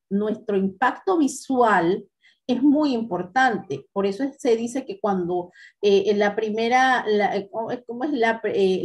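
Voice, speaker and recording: A woman teaching a class on public speaking in a methodical, encouraging way, often pausing with hesitant fillers. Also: medium pitch. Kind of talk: instructional talk to students.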